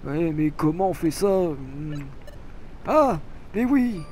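A man reading as an eager creature explorer in a video game, full of wonder and stumbling over the odd word. The voice is fairly high, with faint noise behind it. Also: lively intonation, takes it slowly, darkish tone. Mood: curious. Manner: wondering, hesitant reading with "euh". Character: curious male Pokémon partner, eager explorer. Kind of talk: dramatic reading of game dialogue.

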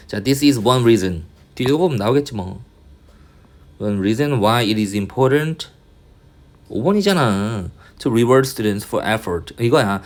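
Blunt, animated male tutor. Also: mid-range voice. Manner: blunt and informal, mutters mild swears, thinks aloud and reads English slowly. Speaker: English tutor. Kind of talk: casual online lecture, solving a test question aloud.

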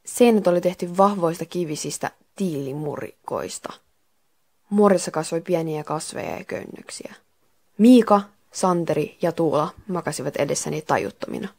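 A woman reading a children's story aloud as calm, even first-person narration. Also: low voice, gravelly. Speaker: reader.

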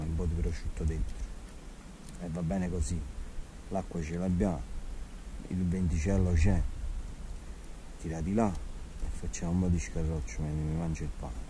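A man's voice: low-pitched, mellow. A man, chatting casually to viewers while fishing from a kayak at sea, recorded on an action camera. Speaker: kayak angler vlogger. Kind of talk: casual running commentary. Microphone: action camera mounted on the kayak. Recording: action-camera audio with wind and water noise. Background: wind and water noise.

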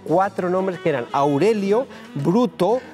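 A man's voice: high voice, lively intonation, unhurried, a little mellow, faint music behind. A man talking casually as a guest magician, friendly and jokey, explaining a card trick to viewers. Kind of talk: casual TV chat.

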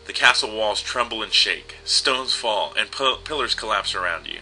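Bright-voiced guy narrating a game. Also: lowish voice, expressive, normal speed, soft background music, poor audio. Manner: chatty, reads game text aloud. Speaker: let's play host. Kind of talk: casual game commentary.

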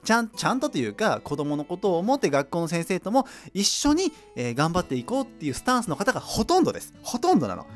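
Male radio host, casual solo talk, animated delivery, quick, faint guitar behind. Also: high-pitched. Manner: chatty, lively, laughs at himself.

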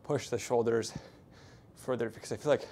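A man's voice: mid-range voice, steady tone, normal speed, mellow, a little hiss or hum. A young man talking casually to camera between sets in a small hotel gym, rambling with lots of fillers. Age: young adult. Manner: laid-back, rambling with many fillers. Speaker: fitness vlogger. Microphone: small clip-on mic, camera at a distance.

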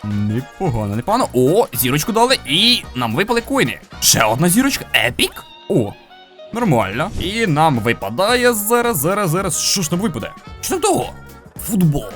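Man, fairly high and very animated voice, playful gameplay commentary, faint music behind. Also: fairly quick. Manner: playful and upbeat, with frequent sound-effect interjections. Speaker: gaming video host.

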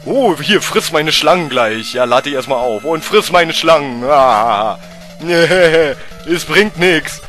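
A man with a German accent giving excitable gameplay commentary, swearing at the game and swinging from low mutters to sudden cries. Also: takes it slowly, soft background music. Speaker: let's play gamer.

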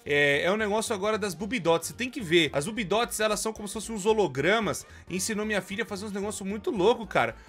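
A chatty, slangy older neighbor, played by a man with a Brazilian accent. The voice is high and bright, over faint music. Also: animated, quick pace, few pauses. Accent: Brazilian Portuguese. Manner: casual and slangy. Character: chatty older male tower resident.

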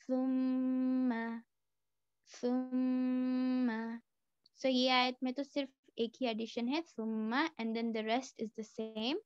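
A woman teaches Quran recitation, patiently explaining each point and stretching the words out slowly. Her voice is smooth and fairly high. The recording is dry and a little dull. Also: fairly even intonation, dry recording. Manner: slow, drawn-out demonstration of words. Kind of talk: tajweed lesson mixing Hindi and English.

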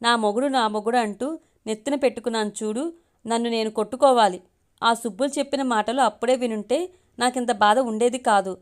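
A woman voicing a quick-tempered, jealous young wife in a storybook reading, scolding and sulky in her speech. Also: a little high, steady tone, lightly acted. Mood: wailing.

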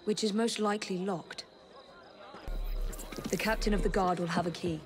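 An actress playing a brisk young Victorian lady adventurer with an English accent, dry and firm in manner. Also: medium pitch, fairly even intonation, over music, lightly acted. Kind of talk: game cutscene acting.

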